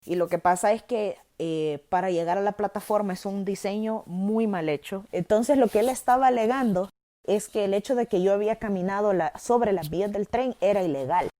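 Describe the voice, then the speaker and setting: A woman with a Salvadoran accent, telling a personal story as a podcast host in an animated way, correcting herself as she goes. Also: medium pitch, moderate pace. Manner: animated, lively retelling with self-corrections.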